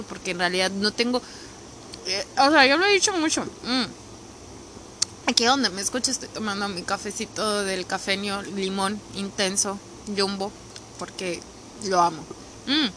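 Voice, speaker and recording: A woman's voice: mid-range voice, a bit bright, a little hiss or hum. A woman with a Mexican accent talking casually in a candid, rambling personal monologue, feeling unwell and tired, swearing now and then. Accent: Mexican Spanish. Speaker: podcast host.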